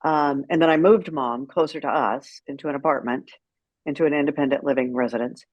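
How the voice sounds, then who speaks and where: A low-pitched, slightly fast middle-aged American woman, a caregiver advocate, tells conversational stories as an interview guest. She's candid and wry, retelling events animatedly with quoted dialogue, in a dry, muffled recording.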